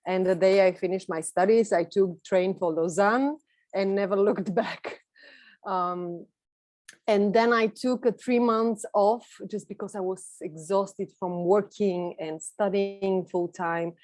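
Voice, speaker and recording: Appearing as a guest speaker on a video call, a woman in her 30s from Bulgaria shares a lively personal talk, chatting warmly and letting out light laughs. Her mid-range, darkish voice keeps a fairly even intonation at a measured pace, with no room sound. Bulgarian is her native language.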